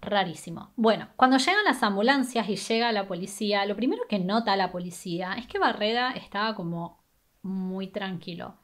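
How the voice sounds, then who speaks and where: A woman's voice: medium pitch, fairly bright tone. A young woman with an Argentine Spanish accent tells a true crime story in a casual, conversational way while doing her makeup, dropping "eh" and "¿no?" along the way. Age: young adult. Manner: conversational, brisk, with filler "eh" and "¿no?". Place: small bedroom indoors. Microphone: webcam or camera at desk distance.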